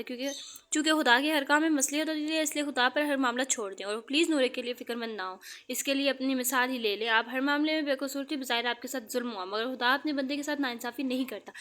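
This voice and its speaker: A woman voicing a gentle, patient young husband who speaks softly but firmly, in an audiobook novel reading. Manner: soft, low-key and calm yet firm.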